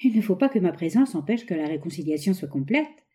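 A woman reading aloud voices a lively, teasing young woman friend in a storybook. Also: on the low side. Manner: teasing, brisk.

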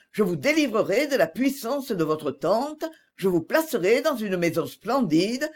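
A woman's voice: mid-range voice, darkish tone. A woman reading an audiobook voices a passionate young man who speaks reproachfully.

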